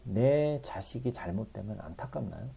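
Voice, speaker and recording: A man's voice: on the low side, lively intonation, normal speed, creaky, mellow, breathy edge. A man giving a Bible study sermon, pleading with emotion and asking his listeners rhetorical questions. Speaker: Bible teacher.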